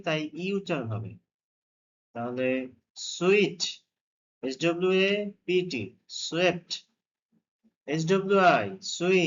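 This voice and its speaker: Guy doing a kids spelling lesson, super slow, spells each letter then sounds it out, kinda muffled lo-fi audio. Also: on the high side, a bit bright. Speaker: phonics teacher.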